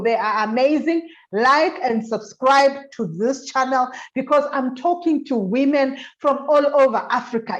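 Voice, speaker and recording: High-pitched lady hosting a chat show, super hyped, talking right at the viewers. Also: highs cut off. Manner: lively, hyped, addresses viewers directly. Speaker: show host. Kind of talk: energetic talk-show hosting.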